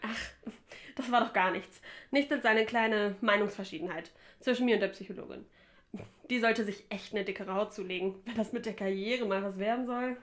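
A woman's voice: mid-range voice, normal speed, natural voice. A woman playing a ruthless, ratings-obsessed television producer who is snappy and domineering in an audio drama. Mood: cold. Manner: snappy and domineering, shouts when angry. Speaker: production manager.

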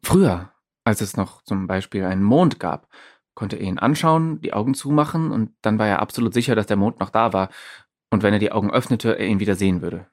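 A man narrating an audiobook story in an expressive, dramatic way. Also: on the low side, brisk. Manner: lively, expressive.

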